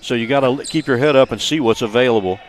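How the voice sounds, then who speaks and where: A man giving calm, measured color commentary on high school basketball, with some fillers. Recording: crowd noise behind the voice. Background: crowd noise in a gymnasium.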